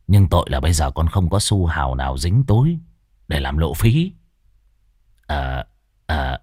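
A man doing a gruff, low-voiced young village thief. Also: darkish tone, no room sound, studio quality, exaggerated voice. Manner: gruff, sneering and coarse.

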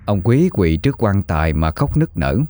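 A man narrating a ghost story in a steady, solemn storytelling voice. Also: deep voice, moderate pace.

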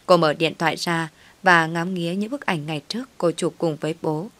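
A woman narrating a family story in a steady, plain way. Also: fairly low pitch, brisk, dry recording.

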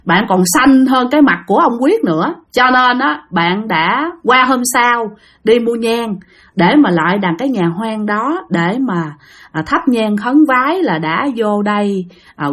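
A woman's voice: a little high, lively intonation, normal speed. A woman casually telling a ghost story, chatting straight to her listeners.

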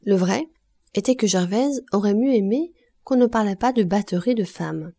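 A woman narrating a classic novel as an audiobook with a warm, mellow voice. Her reading is measured and expressive, at a middle pitch. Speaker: audiobook reader.

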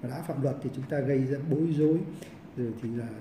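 A man, a Buddhist monk giving a Dharma lecture in a halting way, full of repeated fillers and restarts, recorded in a monastery hall. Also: medium pitch, dark tone, slight background noise. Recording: roomy echo, mic at a distance.

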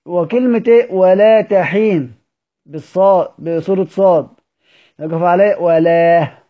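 Egyptian male teacher, high voice, quizzing students, dull lo-fi recording. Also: measured pace. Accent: Egyptian Arabic. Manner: explanatory, quizzing students with questions and answering himself. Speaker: Quran recitation teacher. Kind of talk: recorded study-circle lesson.

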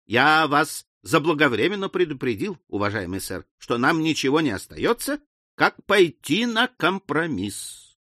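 A man reading an audiobook, voicing a small, fussy lawyer who placates and urges calm. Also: a little high, measured pace, dry recording, clean studio sound, heavily acted. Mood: hushed.

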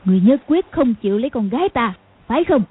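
A domineering old woman master snaps out threats and scorn, as a woman reads her in an audiobook. Her voice sits raised and husky, and quick in her sharpest lines, over a thin, phone-like recording. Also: fairly high pitch, lively intonation. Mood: threatening. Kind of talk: audiobook reading.

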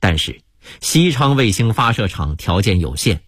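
Lively, husky-voiced male radio storyteller. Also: lowish voice, moderate pace, dry recording, clean studio sound.

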